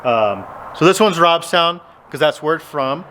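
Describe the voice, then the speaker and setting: In a spacious metal barn, a farmer vlogger from Texas, in his thirties, rambles easily through explanations to the phone he holds at arm's length. His slightly high voice is expressive, bright and forceful, moving a little slowly, and the audio carries a little hiss or hum.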